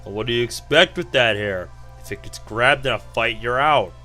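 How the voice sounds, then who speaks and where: A man reading aloud the lines of a sharp-tongued, cocky young man from a visual novel. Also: medium pitch, normal speed, faint music behind, close to an everyday voice. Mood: scornful.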